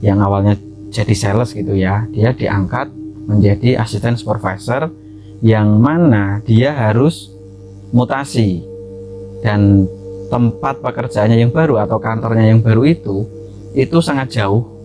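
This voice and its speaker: A man's voice: on the low side, a little slow, pauses often, over music. A man hosting a horror story channel, narrating a submitted story in a chatty, loose way with frequent fillers and asides.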